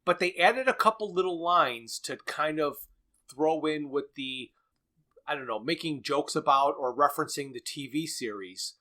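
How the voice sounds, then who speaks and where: Co-hosting an easygoing podcast, this man breaks down a radio series with long plot recaps and frequent chuckles. His voice is a touch high with a sharp tone, and he talks at a moderate pace.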